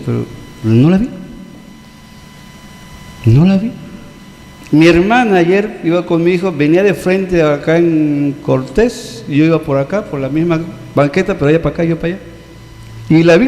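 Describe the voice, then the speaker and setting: A Mexican man preaching in a casual, animated way, slipping into the voices of the people in his stories. His voice sits a little high yet sounds mellow. The sound rings with a long reverb from a church hall. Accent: Mexican Spanish. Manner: animated, acts out quoted voices, conversational. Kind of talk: sermon.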